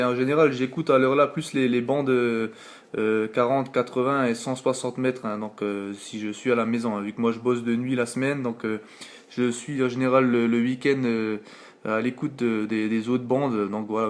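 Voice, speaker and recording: At a moderate pace and with fairly even intonation, this medium-pitched man with a French accent rambles through a late-night CB radio exchange, dropping plenty of fillers. The CB operator is at home on his radio microphone, captured by a phone camera.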